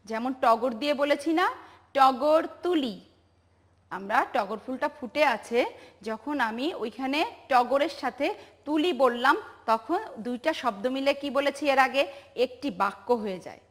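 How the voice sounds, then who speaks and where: A woman teacher with a Bangladeshi Bengali accent gives a home-learning lesson to young children, patiently drawing out each word and asking them to repeat after her. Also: sits high. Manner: slow, patient, drawn-out recitation with call-and-response questions. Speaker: pre-primary teacher.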